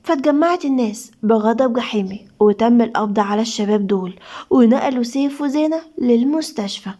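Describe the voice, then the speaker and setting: An Egyptian woman storyteller reads her serialized romance, dramatic and cue-driven. Her voice sits a little high. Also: a little fast, dark tone. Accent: Egyptian Arabic. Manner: dramatic, reads out stage cues. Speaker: storyteller, channel host. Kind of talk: scripted narration of a serialized story.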